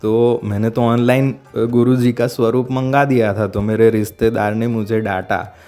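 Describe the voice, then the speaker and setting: A man giving a heartfelt personal testimony, halting and searching for words as he speaks, with frequent restarts. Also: medium pitch, steady tone, dark tone. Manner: earnest and heartfelt. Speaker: devotee sharing a testimony.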